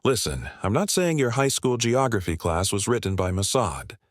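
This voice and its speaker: A man's voice: fairly low pitch, big pitch swings, moderate pace, no echo, studio quality. A man delivering a scripted comedic rant over gameplay, slangy and sarcastic in tone. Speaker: comedic ranter.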